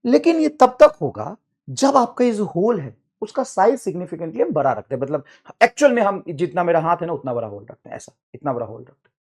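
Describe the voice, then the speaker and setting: A man teaching physics to a class, explaining step by step and slowing down to dictate key phrases in English. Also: high voice, very animated, a little mellow. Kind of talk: classroom lecture with student questions.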